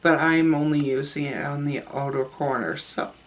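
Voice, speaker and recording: This beauty vlogger's voice sits low and moves at normal speed, thick and stuffed-up from being sick. She talks about her makeup to camera in a chatty, candid review, drifting off mid-thought and restarting.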